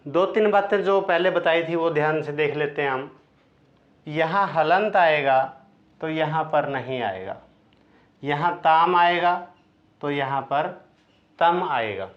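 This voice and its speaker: Slow-paced Indian teacher chanting Sanskrit forms. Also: male voice, a little high. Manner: chants verb forms in slow repeated drills; patient, explains step by step and asks questions back. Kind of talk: slow classroom-style grammar lesson. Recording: dull lo-fi sound.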